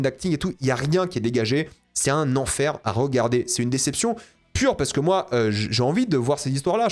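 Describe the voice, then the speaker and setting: Man, young adult, film critic, exasperated rant, rapid delivery, faint background music. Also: on the high side, darkish tone. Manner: exasperated, ranting, repeats himself. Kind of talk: casual spoken film review.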